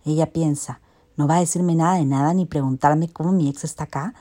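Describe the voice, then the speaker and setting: A woman's voice: low voice, steady tone, fairly quick, warm tone. A woman telling a dramatic love story, moving between narrator and first person.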